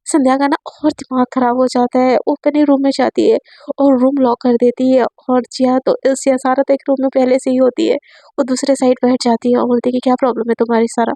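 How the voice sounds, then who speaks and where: Woman storyteller, casual, chatty, high voice, dry close sound. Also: flat delivery, brisk, dark tone, no room sound. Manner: chatty, uses fillers like "na" and "to". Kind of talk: casual spoken story retelling.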